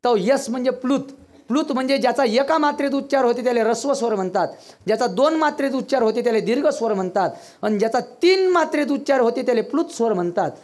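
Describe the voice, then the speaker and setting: A man with a Varhadi Marathi accent preaching a devotional sermon, blunt and teasing, breaking into loud bursts. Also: extremely high pitch, animated, quick pace. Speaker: kirtan preacher.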